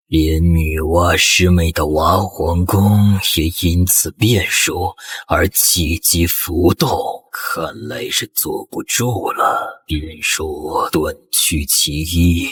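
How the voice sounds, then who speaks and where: A man voicing an aloof ancient sage master in an animated comic, speaking in slow, measured pronouncements. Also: low voice, slightly rough, no room sound, heavily acted.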